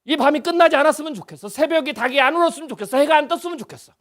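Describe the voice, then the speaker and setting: A man in his fifties with a strikingly high voice preaches a revival sermon as guest pastor. He talks to the congregation like a conversation, throwing out rhetorical questions. He swings from loud, pressing emphasis down to near-hushed lines. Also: animated, rapid-fire.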